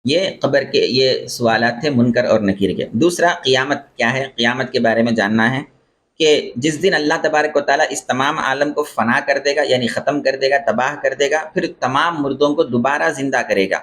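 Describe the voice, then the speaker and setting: A man teaches a religious lecture in a mid-pitched voice, neither high nor low. He explains terms step by step and repeats key phrases for emphasis. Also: a bit bright. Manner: explains terms and corrects pronunciation. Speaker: Islamic scholar teaching beliefs.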